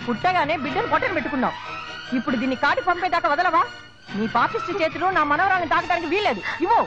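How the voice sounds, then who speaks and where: A shrill, scheming old matriarch. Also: female voice, expressive, racing. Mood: venomous. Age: older. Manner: shrill, wailing, venomous. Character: scheming older woman, bitter and theatrical. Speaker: scheming mother-in-law. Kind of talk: melodramatic film acting. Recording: dull lo-fi film soundtrack with music.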